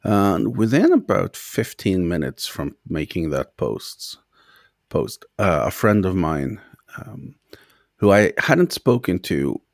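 A man's voice: deep voice, sing-song, takes it slowly, gravelly, no echo, studio quality. A young man casually telling a personal story as a guest, rambling and hesitant with many fillers.

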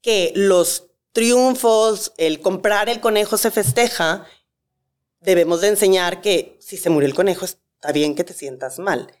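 A woman, a guest expert calmly explaining grief with examples in a talk-show conversation. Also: medium pitch, unhurried.

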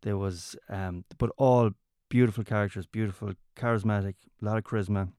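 A man's voice: lowish voice, steady tone, a little mellow, clear, resonant tone, dry recording, clean studio sound. A man from County Mayo with a west of Ireland accent, telling stories casually as an interview guest and often restarting his phrases. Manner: halting, repeats words and restarts phrases often. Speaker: interview guest, comedian and entertainer. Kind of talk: casual conversational storytelling.

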